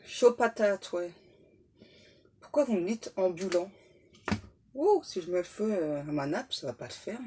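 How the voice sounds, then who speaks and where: A woman's voice: lowish voice, lively intonation, measured pace, long pauses, very noisy. A woman doing a casual tarot reading to camera, chatty and joking, breaking off to banter with her spirit guides and laughing at herself. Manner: self-mocking, laughs at herself. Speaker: tarot card reader.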